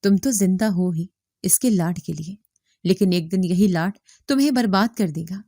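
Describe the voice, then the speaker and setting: A woman with a fairly low, dark voice plays an angry, stern middle-aged father in a spoken story. She reads his lines in a harsh, scolding and bitter manner, recorded in clean studio sound with no echo.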